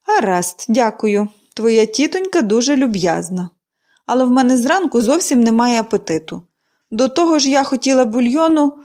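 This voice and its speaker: A woman's voice: fairly high pitch, lively intonation, moderate pace, darkish tone, lightly acted. A woman voicing a bitter, bedridden woman of about forty in an audiobook reading, speaking in a dry, peevish way.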